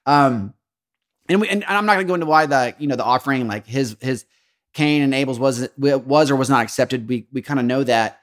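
A man, hosting a casual devotional podcast, talking through a Bible story in relaxed slang, laughing often and acting out the lines he quotes. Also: mid-range voice, fairly quick. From Texas. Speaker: podcast host.

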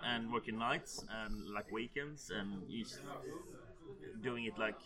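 A man's voice: on the low side, slow pace, a crowd in the background. A man who founded a game company, answering interview questions hesitantly, with many restarts. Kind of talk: conversational interview.

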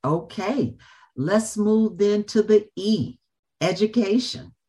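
A woman hosting an interview in a formal, measured and emphatic manner, with deliberate phrasing. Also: mid-range voice, warm tone. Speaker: show host and interviewer. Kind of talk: formal scripted introduction and interview.

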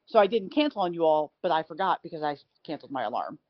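A woman calling in to chat about racing and football, her voice set a little low. She talks casually, stumbles over her words and laughs at herself. The sound is dry and dull, like a lo-fi line. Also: lively intonation, fast, no echo. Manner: self-deprecating, stammering, laughing. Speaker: sports reporter guest.

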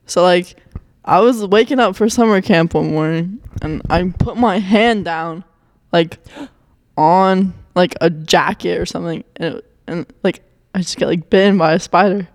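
A teenage girl in casual podcast chat, laid-back and halting, full of fillers. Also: fairly low pitch, dry recording. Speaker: podcast co-host.

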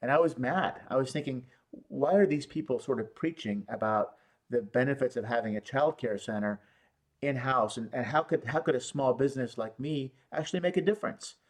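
Halting storytelling man, lawyer guest. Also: medium pitch. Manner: halting, many restarts and fillers. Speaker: law firm owner, interview guest. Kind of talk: conversational storytelling. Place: San Luis Obispo area.

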